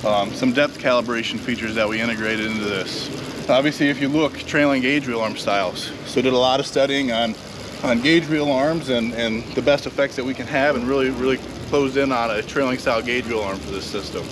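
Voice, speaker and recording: A man in his thirties from a product support team, giving a quick, technical demo at a trade show. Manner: quick, technical, rehearsed pitch. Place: large indoor trade show hall. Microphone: camera at short distance. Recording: noisy trade show floor. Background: crowd and hall noise.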